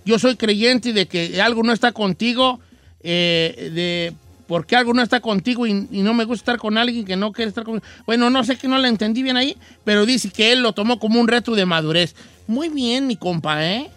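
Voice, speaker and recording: A man playing a cranky, opinionated old Mexican grandpa who hosts a comic radio call-in show, in a high, reedy old-man voice with a Mexican accent. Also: moderate pace, fairly bright tone, no echo, soft background music. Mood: scolding. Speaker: radio host.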